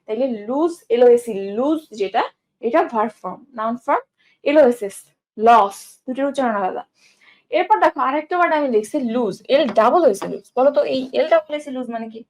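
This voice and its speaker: A woman's voice: high voice, animated, fairly quick, darkish tone. A young woman teaching an online English class, asking questions and answering them herself as she drills word forms.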